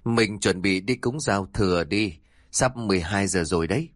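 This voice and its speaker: A man's voice: low-pitched, moderate pace, no echo, clean studio sound. A man voicing a faint, dying middle-aged wife who murmurs weakly.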